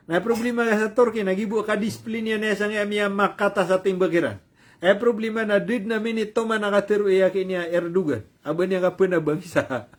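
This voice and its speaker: A man giving informal news commentary, talking loosely with fillers and self-corrections, and reading English quotes slowly. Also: sits high.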